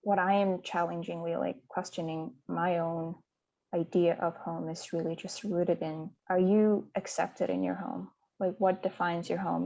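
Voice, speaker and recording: A woman from Mongolia speaks as a conference panelist, sharing reflective personal thoughts hesitantly, with many fillers and restarts. Her voice is on the low side, gravelly and mellow, and the audio sounds dull.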